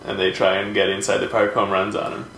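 A man co-hosting a podcast, chatting casually about baseball and family with relaxed, wry storytelling. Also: on the low side, fast talker. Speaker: podcast co-host. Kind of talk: casual chat while watching a baseball game. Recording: roomy room with faint noise.

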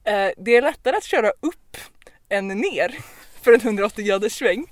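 A woman on a podcast telling a personal anecdote in a casual, lively way, with lots of fillers and restarts. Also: mid-range voice. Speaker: podcast host. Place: podcast recording.

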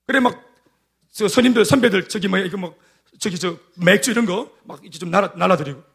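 A male pastor with a Gyeongsang accent preaches in an animated storytelling style. His voice is gravelly and sits high for a man. He acts out the lines of the people in his stories. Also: brisk. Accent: Gyeongsang dialect. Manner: animated storytelling with acted-out quotes. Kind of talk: sermon.

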